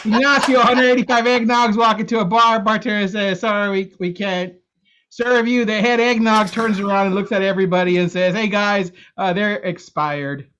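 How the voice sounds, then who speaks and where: A man's voice: high-pitched, steady tone, fairly quick, a bit bright, slight background noise. A man performing in a live improv game, telling bar jokes with hesitant setups and fillers.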